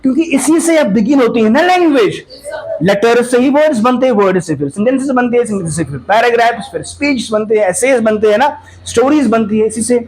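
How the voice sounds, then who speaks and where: A man's voice: very high-pitched, animated, quick pace, a little mellow, rough recording. A man teaching English pronunciation to a classroom, mixing Hindi and English and drilling the students on sounds. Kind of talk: classroom lesson.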